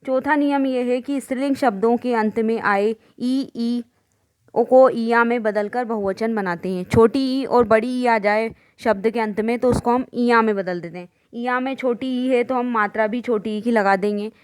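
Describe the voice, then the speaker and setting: A woman's voice: a little high, clear, resonant tone. A woman teacher giving a grammar lesson, saying example words in pairs and explaining each rule step by step. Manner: slow, repeating word pairs aloud.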